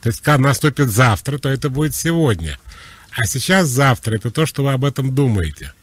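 A man giving psychological advice on a radio call-in show, explaining in a relaxed, conversational way. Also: medium pitch, a little fast, slightly rough.

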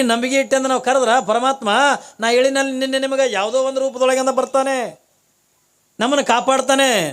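Animated North Karnataka male preacher, high-pitched, telling devotional tales to the audience. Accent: North Karnataka Kannada. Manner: animated storytelling, frequent "enri" asides to the audience. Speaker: religious preacher. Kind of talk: devotional sermon with storytelling.

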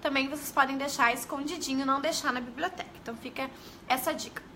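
A young Brazilian woman educator chats through a live stream in a high, bright voice. She talks casually, greets her viewers and keeps tagging her sentences with questions. Her tone is sharp and forward. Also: steady tone, fast, slight background noise. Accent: Brazilian Portuguese. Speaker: early-literacy educator.

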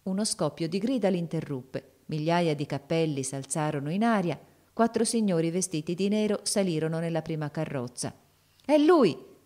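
A woman narrating an audiobook of a classic novel, reading expressively and lifting her voice for the characters' shouts. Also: deep voice, normal speed.

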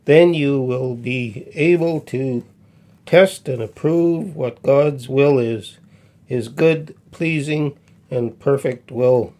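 A man in his fifties, a home musician, chatting in a folksy, unhurried way and then reading scripture aloud, recorded in a small music room on a desk mic. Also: medium pitch, dark tone. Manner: folksy, unhurried, with frequent pauses. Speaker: folk musician and host. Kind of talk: casual chat and Bible reading. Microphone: desk condenser mic in front.

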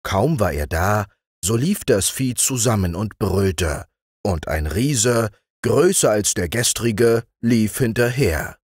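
A man reading fairy tales aloud as a bedtime audiobook, in a slow, expressive storytelling manner. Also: lowish voice, husky, no echo, clean studio sound. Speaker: audiobook reader. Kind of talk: bedtime fairy-tale narration.

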